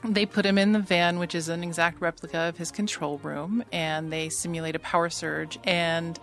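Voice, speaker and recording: A woman's voice: fairly low pitch, level tone, moderate pace, vocal fry, soft background music. A woman, a patent attorney, chatting as a guest and retelling a cartoon episode with an amused, laughing manner. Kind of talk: casual interview chat.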